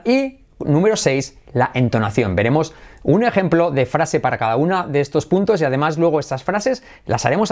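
A man's voice: a little high, darkish tone. Upbeat man teaching English sounds. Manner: enthusiastic, switches between Spanish and English, repeats words for practice. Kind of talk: energetic online language lesson.

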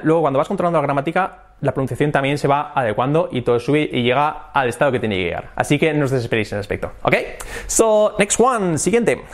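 A man with a Spain Spanish accent, an English teacher giving a casual spoken lesson in a lively way. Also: on the high side. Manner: animated, demonstrates phrases in different tones.

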